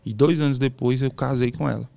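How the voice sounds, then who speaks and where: A man's voice: medium pitch, steady tone, brisk, vocal fry, dark tone. A Brazilian man, a pastor guest on a podcast, telling a personal testimony in a casual, emotional, storytelling way with colloquial asides. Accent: Brazilian Portuguese.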